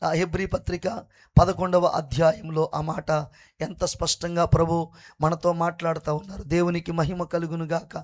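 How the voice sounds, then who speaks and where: A man preaching a fervent sermon at an all-night prayer meeting, repeatedly calling on the congregation to praise God loudly. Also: fairly high pitch, flat delivery, normal speed. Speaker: pastor.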